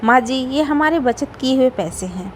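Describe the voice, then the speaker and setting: Woman reading as a gentle, forgiving daughter-in-law. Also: high-pitched, lively intonation, normal speed, a little hiss or hum. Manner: soft, forgiving.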